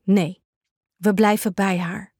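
A woman voicing a gentle female cat in a children's story, speaking softly and tenderly. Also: mid-range voice, fairly even intonation, slow pace, slightly rough, no room sound, studio quality.

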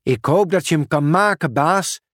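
A man's voice: a little high, moderate pace, a bit bright, dry recording, studio quality, pitched above the performer's own voice, natural voice. A man reading a storybook aloud, voicing a cheerful, dutiful postman in a slightly raised, eager voice.

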